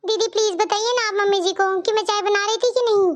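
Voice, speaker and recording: A polite young daughter-in-law from a cartoon story, voiced by a woman. She speaks in a dutiful, pleading manner. Her cartoon voice is very high and squeaky. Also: fairly even intonation, fast.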